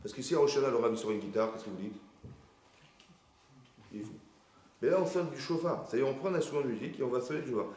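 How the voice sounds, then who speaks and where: A man, a rabbi, giving a lively lesson to his congregation, questioning the audience and acting out quoted voices. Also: mid-range voice, fast, pauses often, slight background noise. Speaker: rabbi teaching a class. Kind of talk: lively sermon-style lesson. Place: synagogue hall. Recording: echoey room, faint ambience.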